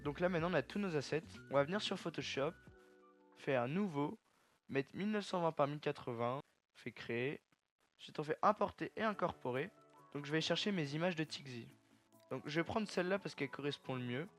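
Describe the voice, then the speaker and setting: A man's voice: a little high, lively intonation, brisk, soft background music. Chatty young man walking through a tutorial. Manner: chatty, step-by-step, addresses viewers as "les gars". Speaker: tutorial creator. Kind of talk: casual screen-recorded software tutorial.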